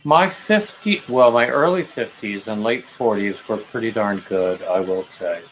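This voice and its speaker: A man's voice: on the low side, measured pace, fairly bright tone, a little hiss or hum, low-quality recording. A man in his fifties hosting a casual knitting livestream, hesitant and self-deprecating, with dry jokes and many restarts. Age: 50s. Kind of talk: casual chat while knitting.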